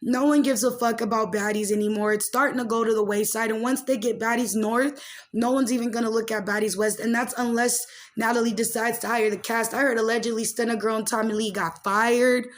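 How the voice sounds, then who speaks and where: A woman in her late twenties hosts a laid-back podcast of gossip and personal life updates, rambling in loose slang full of filler words. Her voice is a little high, her intonation fairly even, and her pace brisk.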